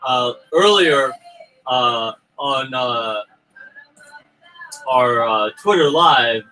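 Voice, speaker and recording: A man's voice: mid-range voice, very slow, pushed and bright, soft background music, low-quality recording. A man co-hosting a casual livestream, bantering in a joking, teasing and rambling way. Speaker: livestream co-host promoting a crowdfunding campaign.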